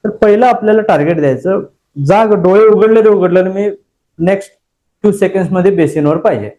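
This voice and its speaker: Emphatic high-voiced male trainer. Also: a little fast, mellow. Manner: emphatic, asks the room frequent rhetorical questions; tells personal stories with dramatized inner voices. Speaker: course trainer. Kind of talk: motivational lecture to a class.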